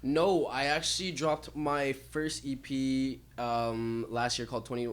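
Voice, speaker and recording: A man's voice: medium pitch, little pitch movement, a little slow, clean tone. A man being interviewed on a radio show about his music, talking candidly and easily with plenty of ums and likes. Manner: candid, laid-back, frequent um and like. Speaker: music artist guest. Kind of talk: casual interview. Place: radio studio.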